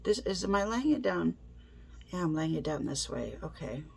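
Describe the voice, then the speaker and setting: A woman's voice: on the low side, big pitch swings, creaky, darkish tone, slight background noise. A woman with a stuffed-up, congested voice, chatting casually through a makeup tutorial and talking as she works. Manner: chatty, talks while working, slows down and trails off. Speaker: beauty vlogger.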